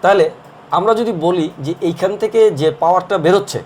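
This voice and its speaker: Male teacher, patient step-by-step explainer, brisk pace, faint room ambience. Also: high-pitched, darkish tone, slight background noise. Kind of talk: explaining at a board.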